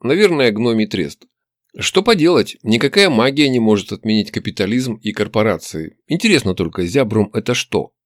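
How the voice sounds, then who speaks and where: A man reading a first-person story aloud in a wry, expressive way. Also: lowish voice, normal speed, no echo, clean studio sound. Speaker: audiobook narrator. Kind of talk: first-person audiobook narration.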